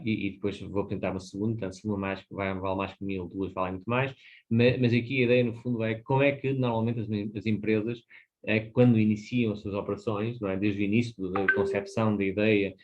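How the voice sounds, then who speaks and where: A man in his fifties with a European Portuguese accent, speaking in a fairly low voice. He presents a webinar in an explanatory way, hesitating often and checking in with tag questions. The sound comes through a dull, lo-fi video call microphone. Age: 50s. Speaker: webinar presenter on business financing.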